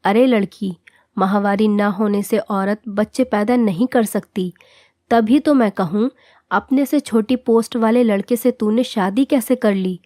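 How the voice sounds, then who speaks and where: A woman's voice: mid-range voice, fairly even intonation, a little slow, mellow, dry recording, clean studio sound, natural voice. A woman reading as a stern, scolding mother-in-law. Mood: indignant. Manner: scolding, commanding. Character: stern traditional middle-aged mother-in-law. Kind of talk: storybook narration.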